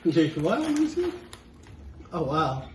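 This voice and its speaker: A man's voice: fairly high pitch, huge pitch swings, slow pace. A man hosting a casual taste-test vlog with friends, chatting informally. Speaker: host. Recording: echoey room, distant mic, faint noise.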